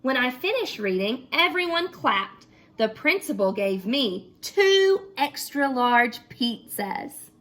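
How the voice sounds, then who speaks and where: A woman's voice: high voice, slow. A woman teacher reading a picture book aloud to children and then asking the class questions about it. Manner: expressive, asks children questions.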